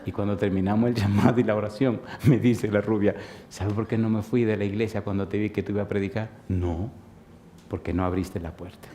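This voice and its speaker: A man's voice: fairly low pitch, little pitch movement, fast, mellow, a little hiss or hum. A man in his fifties preaching a sermon, telling stories playfully and asking the congregation questions. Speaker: pastor.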